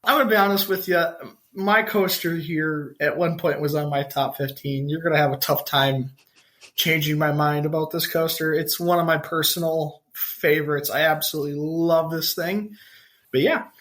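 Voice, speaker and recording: A man's voice: a little high, steady tone, moderate pace, a bit bright. A young man with a Wisconsin accent, co-hosting a casual podcast and joking around with his co-host. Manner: jokey, announcer-style fight intros. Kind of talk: casual chat.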